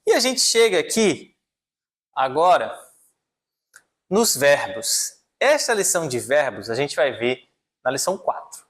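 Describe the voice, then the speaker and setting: A man's voice: fairly high pitch, big pitch swings, measured pace, long pauses, fairly bright tone. A man teaching French pronunciation in an online lesson, explaining rules patiently and checking in with his viewers often.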